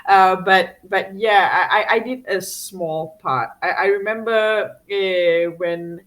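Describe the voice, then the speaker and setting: A woman's voice: mid-range voice, slow pace, a bit bright, rough recording. Woman chatting as a guest, lots of ums and restarts, laughs a lot. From Singapore. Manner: chatty, many fillers and restarts, laughs often. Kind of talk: casual interview chat.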